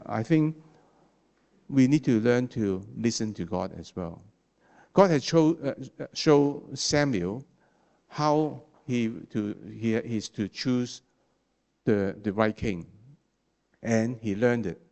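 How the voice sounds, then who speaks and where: With a medium-pitched, darkish voice and lively intonation, a man preaches a sermon in English, not his native tongue. His speech is halting, packed with fillers and restarts, and he likes to end each point by asking "okay?".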